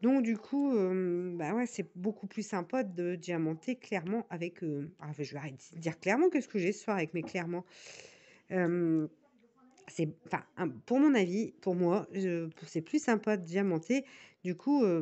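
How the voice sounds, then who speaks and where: A woman's voice: on the low side, animated, moderate pace, dark tone, highs cut off. A woman with a northern French accent, talking casually to viewers in a rambling, chatty way as she shows her crafting tools. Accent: northern French (Nord). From northern France. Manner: rambling, many fillers and restarts, chatty asides. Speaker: diamond painting vlogger. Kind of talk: casual tutorial chat to viewers.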